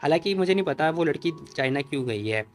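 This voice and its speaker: A man narrating a comic story recap in a rapid, chatty retelling. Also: a little high, expressive, faint music behind.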